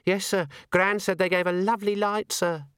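A man's voice: high-pitched, level tone, moderate pace, a bit bright, clear, resonant tone, no room sound, clean studio sound, voice pushed up. A man voicing a nervous, humble young maid in an audiobook, timid and polite. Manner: timid, adds "sir" to everything. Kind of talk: audiobook character voice.

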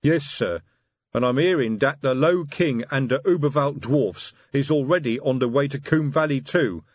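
A man voicing a big, slow, patient male troll sergeant in an audiobook, with a plodding delivery. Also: mid-range voice, dry recording, lo-fi sound, voice pushed up, lightly acted.

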